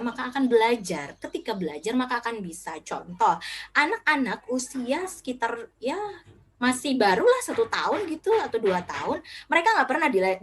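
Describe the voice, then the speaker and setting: A middle-aged woman giving a short parenting talk as a speaker, lively, acting out what parents and children say. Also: a little high, breathy edge. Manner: lively, acts out quoted child and parent lines.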